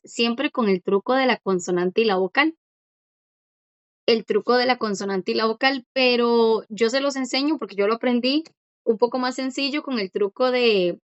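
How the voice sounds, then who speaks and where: A woman's voice: on the high side, dry recording, muffled recording. A woman teaching a language class, explaining grammar patiently and often checking that students follow. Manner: patient, repeats key points and checks understanding. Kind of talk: online language lesson.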